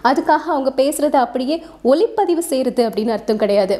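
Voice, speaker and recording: Female narrator, fairly high, mellow voice, relaxed explanatory storytelling. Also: a little fast. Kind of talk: narrating a short story with introduction.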